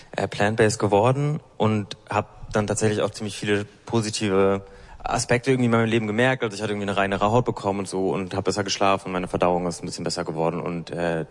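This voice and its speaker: A man's voice: sits low, long reverb tail. A man speaking in a recorded interview, rambling a bit with fillers.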